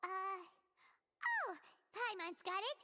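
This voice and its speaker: A tiny, chatty fairy companion from a video game, squeaking along in a very high voice that leaps all over. She fumbles and talks about herself in the third person. Game audio with a long reverb tail. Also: big pitch swings, extremely slow, noisy background, exaggerated voice. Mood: chirpy, fidgety.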